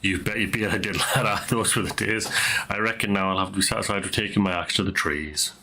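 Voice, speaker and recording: A man voicing a gruff, swaggering seafaring axeman from a fantasy game, reading the dialogue aloud. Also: fairly low pitch, steady tone, fairly quick, bright, forceful tone. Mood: boastful.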